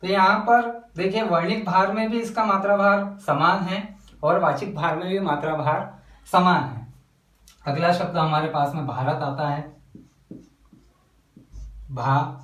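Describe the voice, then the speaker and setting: Man teaching slowly in an echoey room. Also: high voice, fairly bright tone, recorded from a distance. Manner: slow, spells out syllables while writing. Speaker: Hindi poetry teacher. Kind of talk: whiteboard lesson.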